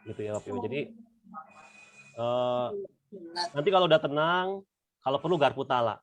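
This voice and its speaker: A man giving an informal religious talk over a video call, relaxed and conversational, often speaking straight to his listeners. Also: mid-range voice, brisk, lo-fi sound. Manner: relaxed conversational, addresses listeners as "Bapak Ibu". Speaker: speaker at a weekly religious study session.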